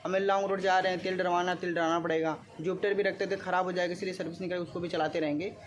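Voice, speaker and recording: A man from Gorakhpur, India, racing along in a high voice with little pitch movement, vlogs casually for his viewers. His eastern Uttar Pradesh accent comes through as he repeats explanations and checks in often with tags. The recording is clearly noisy amateur vlog audio with ambient sound.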